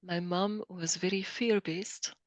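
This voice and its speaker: Slow, thoughtful middle-aged woman guest. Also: lowish voice, fairly even intonation, no echo. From Belgium. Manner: thoughtful, hesitant with many ums and restarts. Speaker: guest, coach. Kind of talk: interview conversation.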